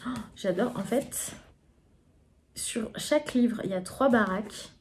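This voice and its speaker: A woman's voice: a little high, unhurried. A tired young woman from France, chatting at home about her books, with many hesitations and restarts. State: tired, yawning. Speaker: book vlogger. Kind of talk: casual chat to camera. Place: home, indoors in the evening.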